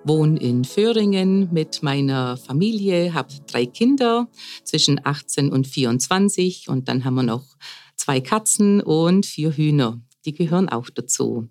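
Low-voiced woman in her fifties. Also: lively intonation, a little slow, a little mellow, faint music behind. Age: 50s. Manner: thoughtful, explains at length with fillers. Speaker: palliative care coordinator. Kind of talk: conversational podcast interview.

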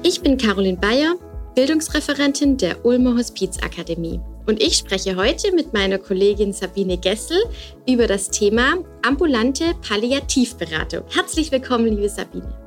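A woman with a fairly high voice opens and moderates a podcast interview, friendly and clear. A quiet music bed plays under her. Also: animated, moderate pace. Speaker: podcast host, education officer.

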